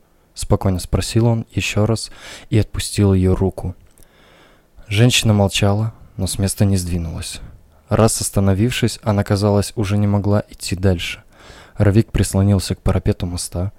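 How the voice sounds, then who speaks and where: A man with a low, level voice reads a novel aloud in an even, restrained manner. His delivery stays steady, with little movement in pitch. The recording is close and dry, with no room sound. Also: normal speed, no echo. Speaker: audiobook narrator. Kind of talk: scripted literary narration.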